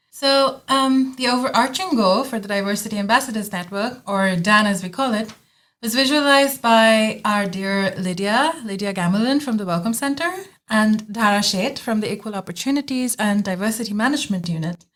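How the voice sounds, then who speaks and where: A young woman from India, a student co-hosting a podcast, speaking in a measured way from prepared remarks. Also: medium pitch, fairly bright tone. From West Bengal, India. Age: young adult. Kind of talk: scripted podcast talk.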